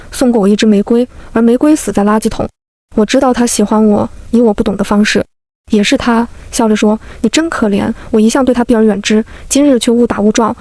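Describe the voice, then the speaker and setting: Calm young woman narrating a story. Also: on the high side, dry recording. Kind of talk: first-person storybook narration.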